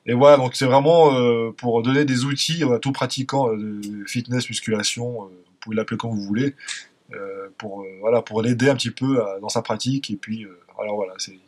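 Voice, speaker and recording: A man's voice: medium pitch, fairly even intonation, brisk, darkish tone. A man with an accent from France, hosting a fitness podcast in a casual, conversational way. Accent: French, from France. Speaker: podcast host.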